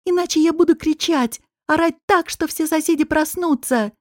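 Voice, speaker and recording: A woman reading an audiobook voices a frightened young heroine who talks in a high, strained, pleading and defiant way. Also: normal speed, a little mellow, no room sound, clean studio sound, close to an everyday voice. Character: frightened young red-haired woman defending herself.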